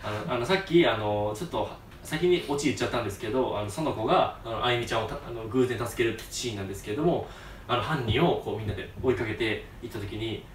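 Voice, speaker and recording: 関西なまりの若い男性ホストが、場面を声色で演じながら笑い混じりにくだけた調子で作品愛を語る。. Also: male voice, mid-range voice, fast, a little hiss or hum. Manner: excitable, acts out scenes in voices, laughs often. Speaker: host. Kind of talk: casual fan talk. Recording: roomy echo, distant mic.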